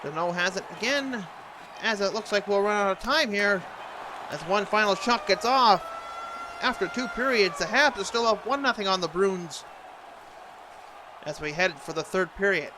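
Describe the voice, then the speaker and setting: Man putting on a high-pitched hockey announcer. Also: normal speed, long pauses, background noise, natural voice. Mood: excited. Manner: clipped present-tense calls, announcer impression. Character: earnest male TV hockey play-by-play announcer. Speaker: play-by-play announcer. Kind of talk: hockey video game commentary.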